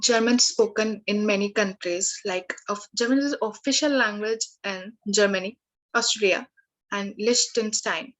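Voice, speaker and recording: A young woman tutor giving a live beginner language lesson, talking in a halting way with many restarts and fillers. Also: medium pitch, fairly bright tone, low-quality recording.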